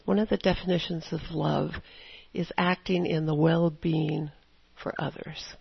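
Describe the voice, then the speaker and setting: A woman preaching a sermon in a conversational, storytelling way with animated asides. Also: sits low, unhurried, vocal fry, husky, dry recording, dull audio.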